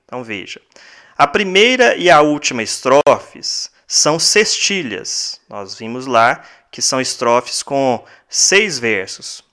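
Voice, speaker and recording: A man with a Brazilian Portuguese accent talks through a recorded lesson at an unhurried, deliberate pace. His voice is bright and forward. He is methodical, repeating each point and counting items aloud one by one. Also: mid-range voice, big pitch swings. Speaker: teacher.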